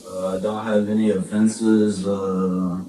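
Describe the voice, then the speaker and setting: Low-voiced young man on echoey bodycam. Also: level tone, slow pace. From Illinois, USA. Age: 20s. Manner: hesitant, rambling excuses. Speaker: suspect being questioned. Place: store pharmacy counter. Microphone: police bodycam. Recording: echoey bodycam audio with loud room noise.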